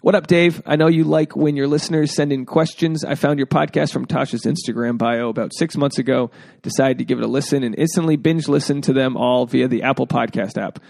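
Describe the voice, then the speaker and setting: A man's voice: mid-range voice, fairly even intonation, fairly quick, gravelly, a little mellow. A man hosting an advice podcast in a casual, rambling way, with jokey asides. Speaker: podcast host. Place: indoors at home.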